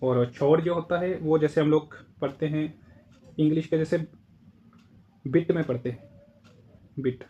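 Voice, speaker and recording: A man's voice: on the high side, moderate pace, long pauses, dark tone, lo-fi sound. A man with an Indian accent teaching a casual lesson, patiently explaining and repeating the example words. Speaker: German language teacher.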